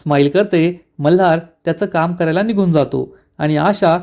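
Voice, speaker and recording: High-voiced man retelling a serial episode. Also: moderate pace. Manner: steady retelling that reads out each character's lines. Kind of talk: storytelling recap of a TV serial episode.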